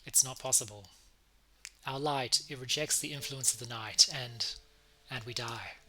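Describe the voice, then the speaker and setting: A man voicing a gentle, worried male unicorn in a visual novel, speaking softly, haltingly and earnestly. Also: mid-range voice, a little hiss or hum, low-quality recording. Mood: grave.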